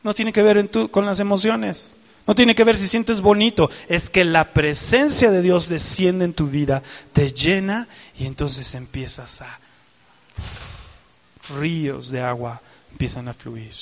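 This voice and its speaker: A man's voice: high-pitched, in a large hall. A male preacher giving a dramatic sermon, acting out tearful and joyful prayer. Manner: animated, dramatic, acts out crying and joyful prayer.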